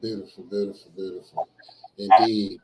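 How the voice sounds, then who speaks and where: A man's voice: deep voice, level tone, normal speed, heavy background noise. A man hosting a livestream interview over a video call, asking rambling questions padded with fillers and affirming his guest. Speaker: livestream host.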